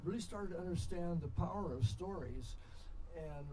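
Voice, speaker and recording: An older American man with a high, animated, warm voice tells stories to an audience at a festival. His delivery rambles and halts, veering into impassioned digressions laced with salty language, against the noisy ambience of the live event.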